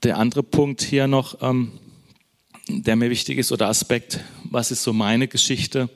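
A man preaching a sermon in a conversational, encouraging way, addressing the listeners directly and tagging many sentences with a quick question. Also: mid-range voice, fairly even intonation.

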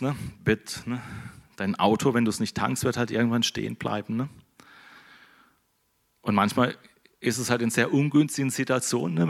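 A middle-aged man preaching a relaxed, conversational sermon and tagging his sentences with a questioning "ne?". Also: mid-range voice, gravelly. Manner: conversational, keeps adding "ne?". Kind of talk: casual sermon.

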